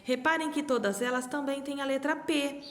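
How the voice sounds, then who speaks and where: A Brazilian woman teaching young children, sounding out syllables slowly and clearly with exaggerated pronunciation. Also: high-pitched, steady tone. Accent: Brazilian Portuguese. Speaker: primary school teacher. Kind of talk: remote lesson for young children. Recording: echoey room with long reverb.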